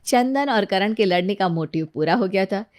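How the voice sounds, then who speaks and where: A woman narrating a moral cartoon story for children in a plain, even manner. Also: medium pitch, moderate pace.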